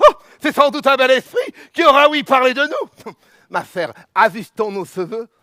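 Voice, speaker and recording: An actor playing a silly, affected young society woman who gushes and squeals with giddy excitement. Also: extremely high pitch, normal speed, dry recording, studio quality, heavily acted. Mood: gushing. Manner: gushing, squealing, breathless excitement.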